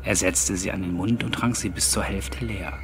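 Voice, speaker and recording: A man reading a story aloud in calm, measured scripted narration. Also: low voice, a little hiss or hum. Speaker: audiobook narrator.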